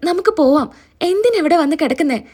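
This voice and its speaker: A woman's voice: high-pitched, lively intonation, fast talker, warm tone. Woman doing a worried son coaxing his father. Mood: pleading. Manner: urgent, coaxing. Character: worried young man pleading with his father.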